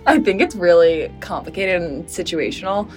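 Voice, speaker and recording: A woman's voice: on the low side, normal speed, faint music behind. A woman, a writer guest, answering casually in a chatty way with many fillers.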